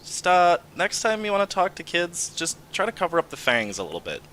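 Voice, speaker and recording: Lively, bright-voiced man questioning. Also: sits high, brisk, slight background noise. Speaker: player. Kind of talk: in-character tabletop play.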